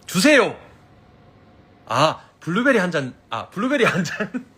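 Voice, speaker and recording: A man with a Gyeongsang accent hosts a casual live stream from his phone and talks back to viewers' comments. His voice is a little husky and airy, and his pitch swings up and down a lot. He keeps a playful, teasing tone and breaks into laughs often. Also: very animated, moderate pace, a bit bright. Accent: Gyeongsang Korean.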